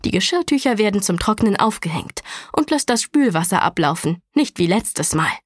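A woman's voice: medium pitch, very animated, normal speed, breathy edge, no room sound, clean studio sound. A woman voicing a strict middle-aged aunt who scolds and gives curt orders. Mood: scolding. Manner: commanding, scolding.

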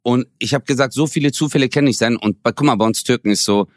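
Animated slangy male storyteller, dry sound. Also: medium pitch, fast, no echo. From Germany. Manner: animated, slangy, acts out quoted dialogue. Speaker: podcast co-host. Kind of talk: casual storytelling chat.

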